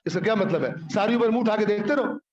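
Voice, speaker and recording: High-pitched male preacher, sarcastic and scolding, recites Arabic lines, roomy slightly muffled sound. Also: animated, fast talker. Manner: scolding, rhetorical questions, quotes Arabic. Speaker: Islamic scholar preaching. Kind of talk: Urdu sermon on the Quran.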